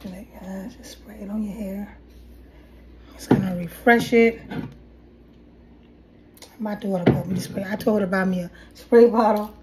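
This middle-aged woman is a hair vlogger giving an offhand hair tutorial at home at her kitchen table, wandering and restarting, coughing from a head cold. She speaks at a measured pace in a steady, medium-pitched tone with frequent pauses, while heavy background noise fills the phone recording.

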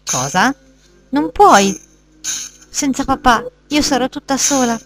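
A woman voicing a frightened little girl who pleads with her parents in a high, breathy voice. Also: lively intonation, takes it slowly, faint music behind, heavily acted. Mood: desperate.

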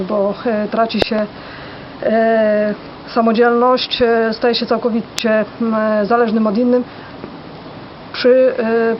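Halting Polish woman on dull, lo-fi audio. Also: a little high. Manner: halting, hesitant delivery with many pauses. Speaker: charity challenge participant. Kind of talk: unscripted speech to camera. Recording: dull lo-fi audio, faint background noise.

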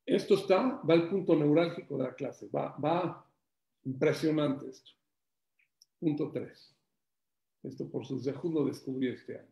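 A man teaching a Torah class, animated, repeating phrases and acting out stories. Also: fairly high pitch, measured pace, gravelly, pauses often, echoey room, lo-fi sound. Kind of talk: religious class.

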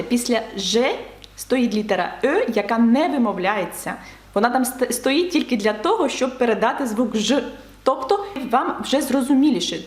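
A woman teaching a beginner language lesson, patiently spelling out letters and repeating example words slowly. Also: a little high, echoey room.

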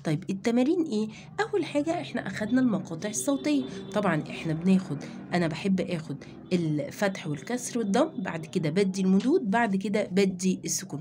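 A woman with an Egyptian Arabic accent teaching a children's reading lesson. She explains step by step, asks and answers her own questions, and sounds out letters slowly. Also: mid-range voice, darkish tone, a little hiss or hum.

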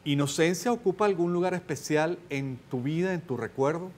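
A man's voice: fairly high pitch, brisk, darkish tone, a little hiss or hum. Man asking formal interview questions.

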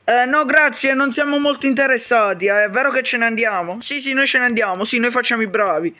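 A man voicing several characters in a comedic game role-play, bickering quickly with frequent swearing and shouty outbursts. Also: extremely high pitch. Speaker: YouTuber voicing all characters.

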